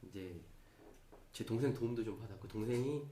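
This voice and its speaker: A man who is a stage actor, speaking as an interview guest in a slow, measured and thoughtful way. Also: on the low side, warm tone. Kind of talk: casual interview chat. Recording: echoey room with faint noise.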